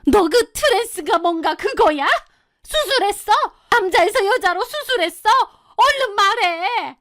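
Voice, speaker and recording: A woman voicing a furious older mother-in-law in a storybook drama, yelling accusations in a shrill voice. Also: animated, measured pace, exaggerated voice. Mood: screaming rage. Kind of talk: storybook dialogue.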